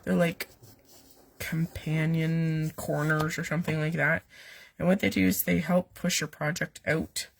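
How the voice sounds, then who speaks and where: Broadcasting live from her home basement, a woman suffering a cold demonstrates card-making step by step in a low voice with vocal fry that weakens and fades in and out. Her talk is casual and rambling, peppered with fillers and remarks to her cat. Slight background noise is present.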